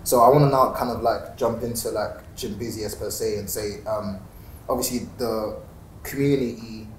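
A man's voice: lowish voice, fairly even intonation, moderate pace. A man hosting a casual podcast interview, asking long, looping questions with repeated words. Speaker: podcast host. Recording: roomy studio with faint hiss.

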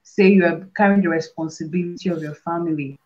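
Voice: mid-range voice, fairly even intonation, quick pace, dull audio. A conference interviewer asking questions with hesitant fillers.

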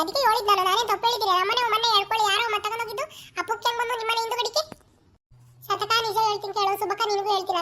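A woman's voice: very high voice, sharp tone, slight background noise. A woman voicing a quarrelsome village woman in a cartoon, defending herself against a charge of stealing hens, with a scolding, defensive manner. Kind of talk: cartoon voice acting.

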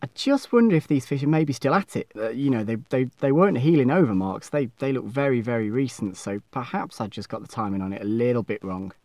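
A man's voice: mid-range voice, animated, a little fast, hardly any pauses, a little mellow, no echo. A young man vlogging outdoors beside a lake, talking frankly and self-critically with frequent restarts. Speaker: fishing vlogger. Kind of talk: casual outdoor vlog talk.

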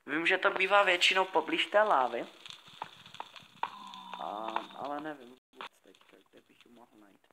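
A young man talking quietly and rambling with lots of fillers as he comments on his own gameplay. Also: fairly high pitch, expressive, pauses often. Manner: soft-spoken, rambling with many fillers. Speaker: gaming YouTuber. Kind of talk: casual Let's Play commentary. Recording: loud background noise.

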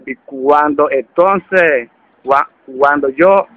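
A man with a Dominican accent telling a comic story casually, halting and repeating words as he goes. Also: fairly high pitch, narrow, tinny audio. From Dominican Republic.

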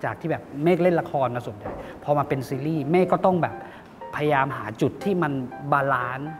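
Animated male director telling stories. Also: on the high side, fairly quick. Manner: animated storytelling, acts out quotes. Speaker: series director. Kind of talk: casual interview chat. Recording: reverberant studio with background music.

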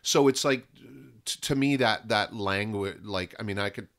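A man from Canada, a film and content producer talking as a podcast guest in a lively way, often restarting sentences and piling up examples. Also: fairly low pitch, normal speed. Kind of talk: casual interview talk.

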